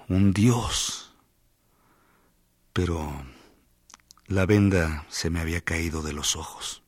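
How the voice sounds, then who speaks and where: A man reading a first-person memoir aloud as an audiobook, in a measured, intense storytelling manner. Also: on the low side. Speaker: audiobook reader.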